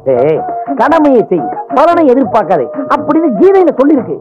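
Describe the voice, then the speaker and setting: A sly, mock-pompous film comedy friend. His delivery is very high and swings widely in pitch. Music runs behind him. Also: sing-song, moderate pace, dull audio. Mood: mock-solemn. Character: preachy, sly comic friend spouting scripture about friendship. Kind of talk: Tamil film comedy acting.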